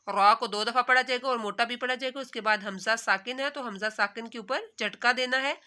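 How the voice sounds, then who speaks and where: A woman teaching tajweed in Urdu. She recites each word slowly and drawn out, then quickly explains the pronunciation rule. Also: a little high, sharp tone. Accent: Pakistani Urdu.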